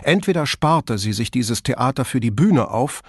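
A man reads an audiobook in a measured, even storytelling voice. His pitch is ordinary for a man. He is recorded close to the microphone in a dry studio. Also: breathy edge, no room sound. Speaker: audiobook narrator. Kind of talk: scripted audiobook narration.

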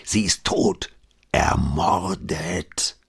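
A man's voice: extremely low pitch, sing-song, measured pace, vocal fry, breathy edge, full character voice. A man reading the part of a gossipy male newsagent in an audiobook, gloating and conspiratorial as he relays bad news. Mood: gossiping. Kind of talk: audiobook dialogue.

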